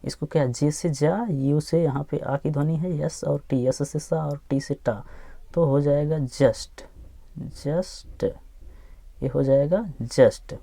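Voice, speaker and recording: A man teaching English phonics, sounding out each letter slowly and repeating every word. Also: fairly high pitch, fairly even intonation, vocal fry, dark tone, dry recording. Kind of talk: slow phonics lesson, spelling words aloud.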